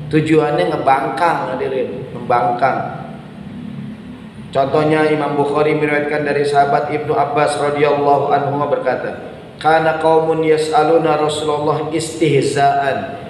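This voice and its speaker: A male preacher, speaking in a slightly high voice to his congregation in a loose, joking way and playing out the voices of people asking questions. The sound is heard in a large mosque hall with long, heavy reverb. A faint room noise runs underneath. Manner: humorous, chatty, acts out questioners, addresses audience often. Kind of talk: mosque sermon.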